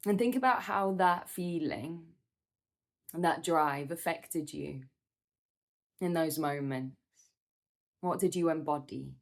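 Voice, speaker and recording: Her voice sits low and gravelly as this woman guides a meditation, offering measured instructions and pauses in a soft, soothing way.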